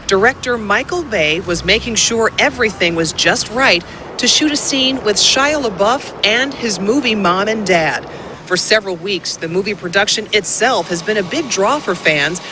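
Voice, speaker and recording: A woman's voice: medium pitch, lively intonation, normal speed. A woman narrating a scripted news report as a field reporter. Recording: clear street and traffic noise behind.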